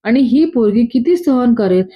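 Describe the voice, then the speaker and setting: A woman voicing a weary elderly grandfather who pleads slowly with his grandson, in a plain reading voice. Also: fairly high pitch, expressive. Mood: weary pleading. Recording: dull lo-fi.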